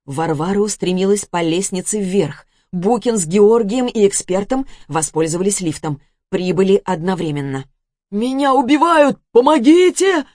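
A woman narrating an audiobook in a steady storytelling voice. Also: lowish voice, moderate pace, few pauses, dry recording, studio quality.

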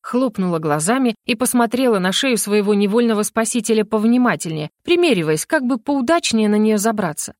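A woman's voice: medium pitch, lively intonation, brisk, few pauses, a little mellow, no echo, clean studio sound. Woman narrating an ironic fantasy audiobook.

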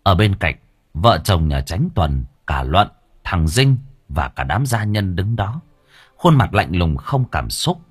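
A man narrating an audiobook story in a dramatic, expressive way. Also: low-pitched, slow pace, slightly rough, no room sound, clean studio sound, faint music behind.

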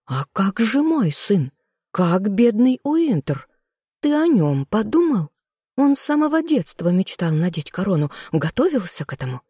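An audiobook reader voicing a furious, spiteful noblewoman, the king's sister, who scolds in sharp outbursts. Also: sing-song, breathy edge, dry recording, clean studio sound, exaggerated voice. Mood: pleading. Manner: shrill, scolding, quick outbursts. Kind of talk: audiobook role reading.

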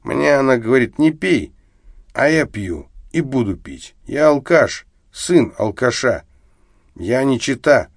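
A man's voice: medium pitch, expressive, slow, dry recording, clean studio sound, pitched above the performer's own voice. A man voicing a drunk, bitter middle-aged academic who rants and slurs, slipping into lisping baby talk. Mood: maudlin boasting. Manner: slurred, ranting drunk outbursts, lapses into lisping baby talk.

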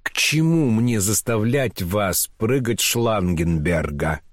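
A man's voice: fairly low pitch, animated, slow, no room sound. A man voicing a proud, scornful young woman with a dry, contemptuous delivery in an audiobook. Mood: cold. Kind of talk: audiobook character reading.

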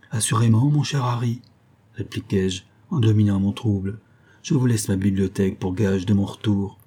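Guy reading an old story out loud, dark mellow voice, kinda husky, slow and even. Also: lowish voice. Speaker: audiobook reader. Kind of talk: scripted literary narration.

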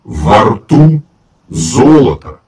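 A man voicing an eerie ancient female forest spirit who speaks in slow, incantatory pronouncements. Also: medium pitch, sing-song, darkish tone, breathy edge, voice pushed up, full character voice.

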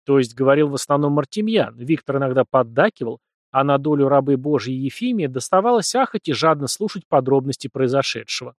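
A man's voice: mid-range voice, no room sound. Man narrating an audiobook, dry. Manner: even, measured storytelling. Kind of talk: scripted narration.

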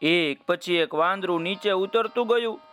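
A man's voice: high voice, normal speed, clear, resonant tone. A man telling a folk tale to children, speaking directly to his young listeners. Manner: warm, addresses young listeners directly by name. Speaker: children's storyteller. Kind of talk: children's story narration.

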